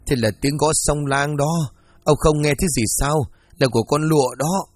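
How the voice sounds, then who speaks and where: A man voicing a terrified middle-aged rich wife who stammers in panic, higher than his own voice. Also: steady tone, moderate pace, no room sound, soft background music, natural voice. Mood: anxious.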